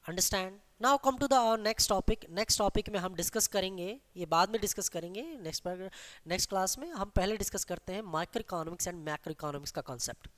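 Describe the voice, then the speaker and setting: An economics teacher leading an exam-prep class. The teacher keeps asking the class questions and answering them, then slows down to dictate definitions. The voice sits at a middle pitch. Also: a bit bright. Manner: mixes English terms into Hindi explanation.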